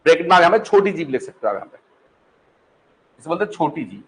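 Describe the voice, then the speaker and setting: With a fairly high, sing-song voice and a quick pace, a man with a Pahari-influenced Hindi accent gives a patient, chatty classroom lecture. He often restates his questions to students and checks they're following, captured in poor audio with slight background noise.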